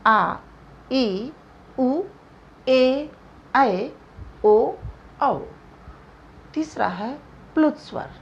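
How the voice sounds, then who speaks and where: Woman teacher for a grammar class, slow and deliberate, fairly high voice, dull lo-fi sound. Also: a little mellow, a little hiss or hum. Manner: slow, deliberate, spells out examples. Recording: dull lo-fi recording.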